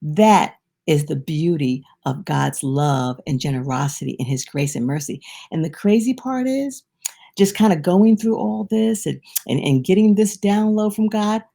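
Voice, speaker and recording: A woman giving an inspirational devotional talk, retelling a parable in a lively storytelling way, with frequent restarts and personal asides. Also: mid-range voice, unhurried, creaky. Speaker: inspirational speaker.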